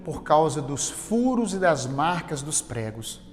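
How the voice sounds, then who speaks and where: A man voicing a chastened young boy who answers very quietly. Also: a little high, sing-song, a little slow, in a large hall, voice pushed down. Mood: subdued. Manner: very quiet, subdued.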